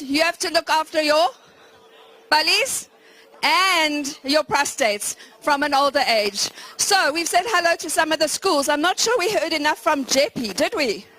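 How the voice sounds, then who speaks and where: A woman's voice: high voice, bright, forceful tone, low-quality recording. A woman with a South African accent giving a cheeky, rallying live speech, calling out to her audience. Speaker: chief marketing officer addressing a crowd.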